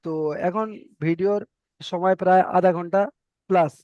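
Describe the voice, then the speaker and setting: A man's voice: high voice, level tone, moderate pace, dry recording, muffled recording. A male teacher giving an online Quran reading lesson, explaining the rules in a repetitive, drilling way over a video call.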